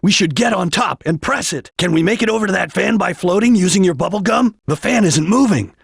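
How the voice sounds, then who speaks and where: Espio the Chameleon, husky stoic ninja. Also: male voice, high voice, lively intonation, a little fast, dry recording, clean studio sound, exaggerated voice. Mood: urgent, alert. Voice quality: husky, gravelly. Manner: terse, solemn, guarded delivery. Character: stoic, watchful ninja chameleon, grave and duty-bound. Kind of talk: scripted video game voice lines.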